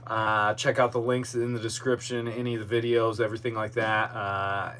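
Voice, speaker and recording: Using a podcast microphone, a host livestreams his casual solo show outside in a boatyard, talking in a meandering, self-deprecating way. His mid-range voice is fairly bright but flat, at a normal pace, and a hum and other background noise are noticeable.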